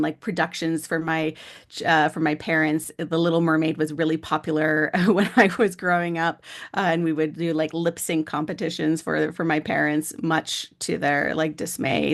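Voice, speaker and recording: A woman in her thirties leads a conference workshop, guiding the group through a reflection and then talking in a friendly, conversational way with plenty of "like" and "um". Her voice sits a little low and has a gravelly texture. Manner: friendly, conversational, uses fillers like "like". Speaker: workshop facilitator. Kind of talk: guided reflection and conference talk.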